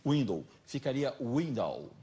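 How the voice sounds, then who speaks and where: A middle-aged man with a Minas Gerais accent, telling anecdotes as a talk show guest in an animated, chatty way. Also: mid-range voice, takes it slowly. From Minas Gerais, Brazil. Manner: lively anecdotal, animated retelling. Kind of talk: casual storytelling chat.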